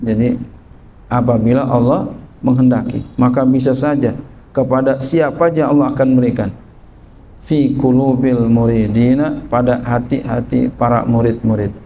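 Man, Islamic teacher, gravelly, warm low tone, Arabic reading with casual explanation. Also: moderate pace, slight background noise. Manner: reads Arabic text then explains it in lively colloquial speech. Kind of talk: kitab study lesson.

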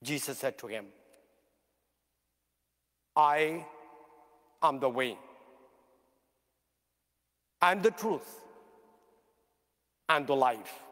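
A man serving as priest, reading the Gospel at a funeral Mass in a measured liturgical way, his voice ringing with cathedral echo. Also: medium pitch, expressive, fairly bright tone. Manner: slow, measured liturgical delivery. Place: large church. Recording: long church reverb, heard from a distance.

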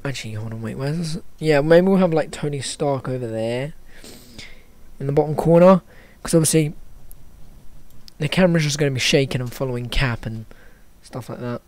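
Hiccuping his way through a casual screen-recorded animation tutorial, this man speaks at a moderate pace with a medium-pitched, slightly mellow voice. There's no room sound, and his delivery is stop-start as he thinks aloud and fixes his own mistakes.

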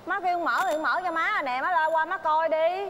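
An actress playing a cheeky young daughter who teases and protests. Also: female voice, very high voice, moderate pace, bright, forceful tone, slight background noise. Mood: teasing. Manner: whiny, teasing, protesting.

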